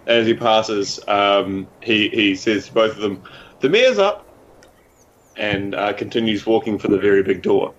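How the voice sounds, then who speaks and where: A man playing in a tabletop game, narrating his character's actions in a relaxed, hesitant way with many pauses. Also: on the low side, highs cut off. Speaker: player.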